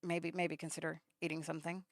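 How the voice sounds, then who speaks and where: A woman's voice: low voice, level tone, fast talker, no echo, studio quality. A woman vlogger telling a story in a casual, rambling way, full of fillers, acting out remembered text exchanges. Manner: rambling, many fillers, acts out remembered texts.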